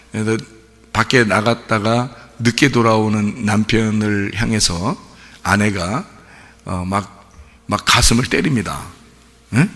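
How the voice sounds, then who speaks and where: Male pastor, gravelly and bright; chatty sermon with rhetorical questions, church reverb. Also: fairly low pitch. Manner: conversational preaching, frequent rhetorical questions. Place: church sanctuary. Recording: long reverb in a church hall.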